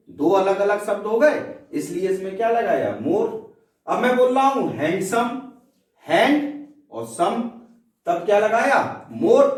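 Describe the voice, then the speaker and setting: Lively high-voiced male teacher, echoey room. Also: far from the mic. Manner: asks rhetorical questions and answers them himself. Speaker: English teacher. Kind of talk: classroom grammar lesson.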